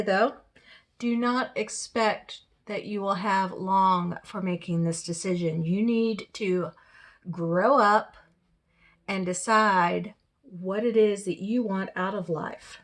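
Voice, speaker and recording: A woman giving a spoken tarot reading with firm, direct advice. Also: medium pitch. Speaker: tarot reader.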